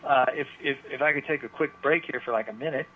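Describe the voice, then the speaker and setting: A man co-hosting a radio talk show from a remote location by phone, chatting casually with frequent filler words. His phone voice is played through a loudspeaker and recorded again. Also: mid-range voice, fast. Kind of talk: casual chat. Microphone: telephone. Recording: tinny phone line played through a speaker, faint noise.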